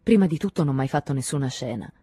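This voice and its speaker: A woman reads a weary, evasive man, curt and restrained. His husky voice sits low and dark and never gives much away. It is a dry studio audiobook reading. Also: animated, fast, no echo, full character voice.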